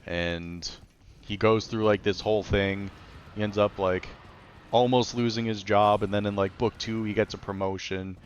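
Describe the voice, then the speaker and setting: A man's voice: lowish voice, fairly even intonation, moderate pace, muffled recording, slight background noise. A male streamer chatting casually on a live stream, rambling and saying "like" constantly. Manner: rambling, heavy use of "like".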